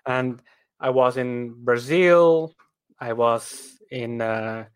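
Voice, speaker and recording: This podcast guest is a Swiss man in a casual interview, speaking slowly and haltingly in Swiss German. His smooth, medium-pitched voice keeps restarting and often tags on "right?"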